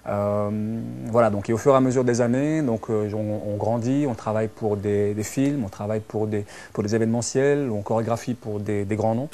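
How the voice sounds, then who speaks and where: In a conversational interview set in a small, furnished indoor lounge, a Belgian man in his early thirties who works as a dance teacher and social worker shares his story in French with a Belgian accent. He talks briskly, barely pausing, and often restarts with filler words, his lowish voice dark in tone.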